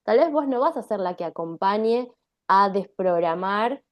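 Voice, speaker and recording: A woman's voice: mid-range voice, animated, a little slow. A woman hosting a podcast, explaining her ideas and thinking aloud with tag questions. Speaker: podcast host. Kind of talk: reflective podcast conversation.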